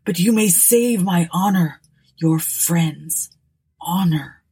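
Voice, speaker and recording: A woman voicing a dying male nobleman, secretive and fierce, in a hoarse whisper. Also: mid-range voice, measured pace, a little mellow. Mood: pleading.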